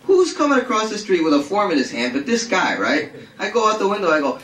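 With his voice pushed up high and the words coming fast, a man performs an excitable, streetwise monologue as a crude racetrack gambler, full of amusement and excitement. The live reading was recorded from afar in a roomy space, with faint noise underneath.

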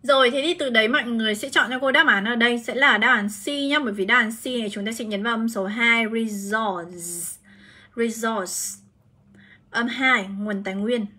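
Bright-voiced woman teaching a live lesson. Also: on the high side, quick pace, hardly any pauses. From Vietnam. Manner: chatty, explains step by step, calls out students. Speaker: English teacher. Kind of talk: live-streamed exam prep lesson.

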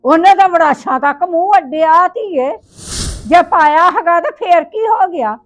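A woman's voice: extremely high pitch, expressive, a little slow. A woman playing an older, hard-of-hearing grandmother who mishears and scolds in a homemade village drama. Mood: mishearing.

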